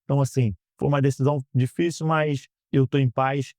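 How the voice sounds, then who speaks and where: A Brazilian man in his thirties answering interview questions in an earnest, measured way, often ending phrases with a questioning tag. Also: mid-range voice, steady tone, a little mellow, no room sound, clean studio sound. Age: 30s. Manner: earnest, measured, frequent "né?" tags. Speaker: guest, politician. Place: podcast studio.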